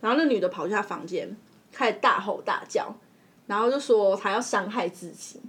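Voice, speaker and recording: A woman with a Taiwanese Mandarin accent, co-hosting a podcast and telling a story in a casual, animated way, laughing as she goes. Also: medium pitch, brisk. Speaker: podcast co-host.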